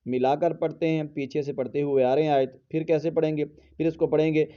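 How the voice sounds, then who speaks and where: A man teaching Quran pronunciation in a tajweed lesson, patiently spelling out letters and breaking into slow, drawn-out melodic recitation. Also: on the high side, level tone, lo-fi sound.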